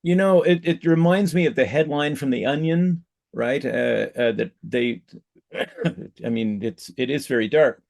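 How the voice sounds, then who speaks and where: A man in a casual conversation, reflective and halting, often pausing with fillers. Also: mid-range voice, creaky, darkish tone. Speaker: co-host.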